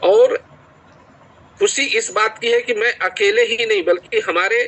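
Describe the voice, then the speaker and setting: A man joining an online meeting, speaking politely in slow, deliberate phrases about his earnings. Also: high-pitched, a bit bright, rough recording. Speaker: meeting participant sharing earnings. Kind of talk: formal remarks on a video call.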